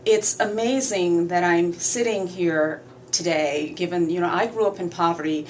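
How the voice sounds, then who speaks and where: Woman from Barbados, radio interview guest, earnest, measured, lowish voice, faint hiss. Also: a little mellow, rough recording. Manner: earnest, measured, with frequent "uh" fillers. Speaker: guest author.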